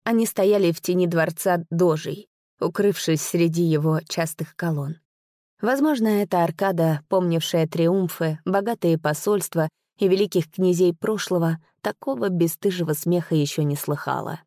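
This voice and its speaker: A woman reads a story aloud at an even, unhurried pace. Her voice sits low for a woman, and the recording is dry and close with no room sound. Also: no echo. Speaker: audiobook narrator. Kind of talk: scripted narration.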